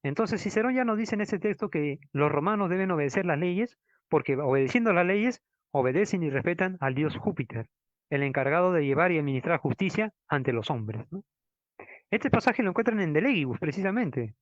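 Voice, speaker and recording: A man lectures on law in a teacherly way, dropping tag questions and slowing down to stress Latin terms. His voice sits fairly high. The recording is dull and dry, like a lo-fi classroom capture. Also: expressive, no room sound. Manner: didactic, frequent tag questions, stresses Latin words slowly. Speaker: law professor. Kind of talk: lecture with slides.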